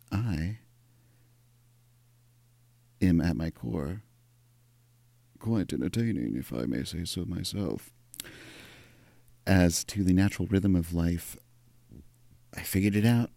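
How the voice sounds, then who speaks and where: Sleepy, gravelly deep-voiced man. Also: warm tone, no room sound. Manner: playful, self-mocking. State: sleepy, just woke up. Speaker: vlogger. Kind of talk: casual direct-to-camera chat.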